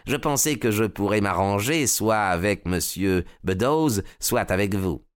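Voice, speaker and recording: A man's voice: fairly low pitch, expressive, measured pace, smooth, no room sound, studio quality. A man doing a sly, sinister old sailor. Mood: sly, insinuating.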